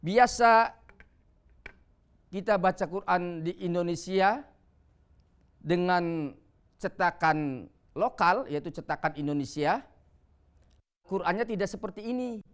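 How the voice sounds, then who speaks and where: A man teaching Quran reading on a television program, explaining patiently and chanting Arabic verses slowly. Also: high-pitched, expressive, clean tone. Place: TV studio.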